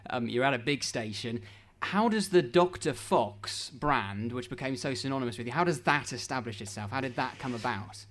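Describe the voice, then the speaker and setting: A man's voice: mid-range voice, lively intonation, normal speed, a bit bright. A man interviewing a guest at a live event, asking brief, leading questions.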